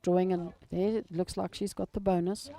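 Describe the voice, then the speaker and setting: A woman giving live lawn bowls commentary in a measured golf-style manner, describing each shot in short phrases. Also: fairly low pitch, steady tone, warm tone.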